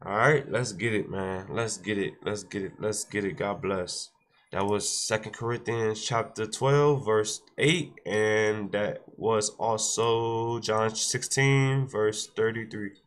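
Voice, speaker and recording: Fairly low-pitched and slow, a congested-sounding man runs a day-trading stream. He keeps repeating things and urging on his chat, speaking to them directly in casual livestream talk that includes a brief devotional.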